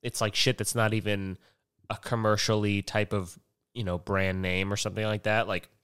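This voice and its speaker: A man's voice: lowish voice, flat delivery, normal speed, a bit bright, smooth, dry recording, clean studio sound. A man hosting a casual solo podcast, rambling and swearing freely, wearing headphones at a podcast mic. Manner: profane, rambling, self-mocking. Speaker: podcast host.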